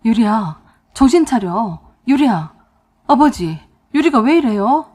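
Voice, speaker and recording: A woman voicing a fussing young husband in a narrated radio drama, loud and pleading, near tears. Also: medium pitch, lively intonation, slow pace, slightly rough. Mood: distraught. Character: doting young husband, man, fussy.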